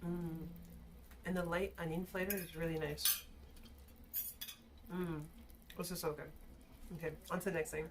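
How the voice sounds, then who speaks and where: Tipsy woman doing a casual food vlog chat, lowish voice, slangy and sweary. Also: little pitch movement, measured pace, long pauses, noisy background. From Caribbean background. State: tipsy from shots. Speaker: mukbang and drunk-cooking video host. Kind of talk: casual chat to camera while eating and cooking.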